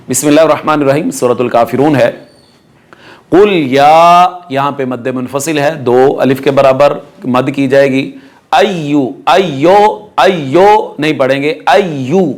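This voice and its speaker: A man with a Pakistani Urdu accent teaching Quran recitation rules, explaining each point and then reciting the words slowly and drawn out. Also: medium pitch, a little mellow. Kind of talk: tajweed lesson with slow recitation.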